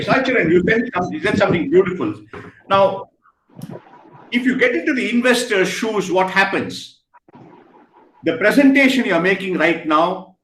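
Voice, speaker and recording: A man giving an energetic online lecture, firing questions at students and praising their answers. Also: high voice. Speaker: guest speaker. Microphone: video call. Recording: echoey room, faint noise.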